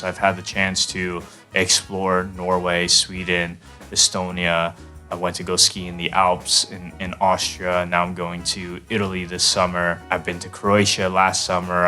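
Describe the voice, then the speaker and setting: Low-voiced young man, chatty vlog. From New York. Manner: relaxed, chatty, with fillers and restarts. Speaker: vlogger. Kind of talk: casual talk to camera.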